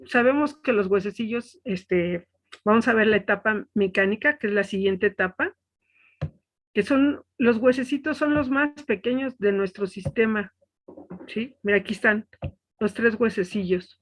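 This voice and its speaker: A woman's voice: mid-range voice, normal speed. A woman teaching an online class, explaining step by step and often asking "¿sí?" to check on her students. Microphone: webcam.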